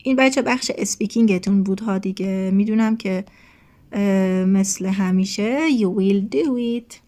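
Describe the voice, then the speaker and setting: A woman from Iran teaching an English lesson online. She explains patiently with many fillers, slips English phrases into her talk, and clears her throat as her voice starts to go hoarse. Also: mid-range voice, mellow.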